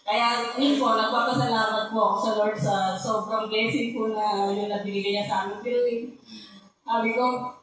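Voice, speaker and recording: A woman telling a lively, laughing story as a church testimony, speaking politely. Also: fairly high pitch, normal speed, background noise. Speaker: church member giving testimony. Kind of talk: testimony in worship service. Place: church hall. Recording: very echoey hall from far off.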